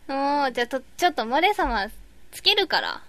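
High, lively woman live-streaming. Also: moderate pace. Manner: chatty, fussing over audio setup, reading chat comments. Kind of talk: casual live-stream chat. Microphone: boom mic.

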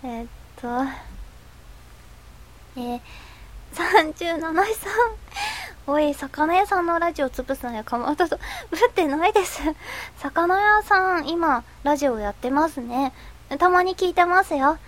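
A woman playing a fifteen-year-old schoolgirl radio host, reading listener comments in a soft, hesitant, giggly way with a stuffy nose from a cold. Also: extremely high pitch, lively intonation, a little slow, heavily acted. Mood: shy chatter. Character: shy teenage schoolgirl, fifteen.

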